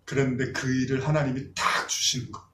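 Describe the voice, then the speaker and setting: Korean pastor preaching in an echoey hall. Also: male voice, medium pitch, little pitch movement, fairly quick, a bit bright, slight background noise. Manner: conversational preaching, acts out quoted voices. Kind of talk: sermon.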